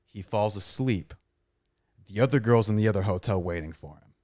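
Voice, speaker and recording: A young man with a very deep voice tells a story on a casual podcast. He talks in a crude, animated way and swears a lot. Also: normal speed. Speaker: podcast co-host.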